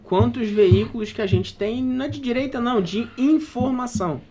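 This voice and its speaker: A Brazilian man moderating a political debate, speaking haltingly with many restarts. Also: very high-pitched, darkish tone, a little hiss or hum. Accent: Brazilian Portuguese.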